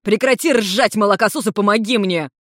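A storyteller voicing a foul-mouthed, furious male dragon in human form who yells and curses. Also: mid-range voice, fairly quick, dry recording, studio quality, pitched above the performer's own voice, lightly acted. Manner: shouting, cursing.

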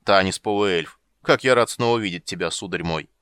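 An eccentric old wizard, cranky and absent-minded, who fusses and scolds everyone around him, as a male reader puts him on. The voice sits fairly low with a dry, close sound. This is storybook narration for an audiobook. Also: moderate pace, a bit bright, clear, resonant tone, no room sound. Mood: indignant. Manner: muttering, scolding, fussy. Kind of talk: audiobook reading.

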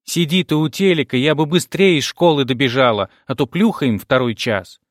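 A man reading an audiobook, voicing a bossy, cheeky first-grade girl who talks loudly and bluntly. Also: a little high, moderate pace, no echo, studio quality, close to an everyday voice. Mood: grumbling. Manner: loud, blunt, shouting.

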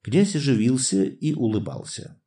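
A man narrating an audiobook in an expressive, theatrical reading style. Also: medium pitch, normal speed, recorded from a distance. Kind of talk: scripted narration.

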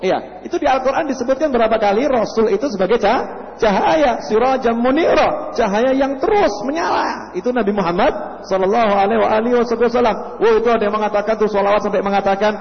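Seorang pria berlogat Jawa berkhotbah dengan nada tinggi, jenaka dan penuh pertanyaan retoris kepada jamaah. Suaranya bergema panjang di aula. Rekamannya agak redup dan lo-fi. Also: male voice, very high voice, brisk. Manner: lively, humorous, rhetorical questions. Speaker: preacher. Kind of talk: Q&A sermon to a live audience. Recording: lo-fi reverberant hall recording.

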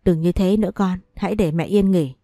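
A woman voicing a gentle consoling father. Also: lowish voice, brisk, dry recording, studio quality, soft background music, natural voice. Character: grieving father soothing his daughter.

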